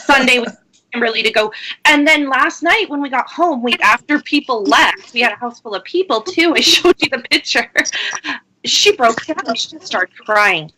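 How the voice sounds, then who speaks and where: A woman in her thirties co-hosting a casual live chat, animated and emphatic, laughing often. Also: sits high, moderate pace. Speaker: co-host. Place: at home, live video chat.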